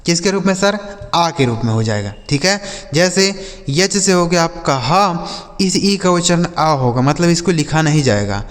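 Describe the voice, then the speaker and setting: A male English teacher, teaching a class. He asks questions and answers them himself, and says words slowly, sound by sound. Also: fairly high pitch, animated, in a large hall. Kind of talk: classroom-style lesson.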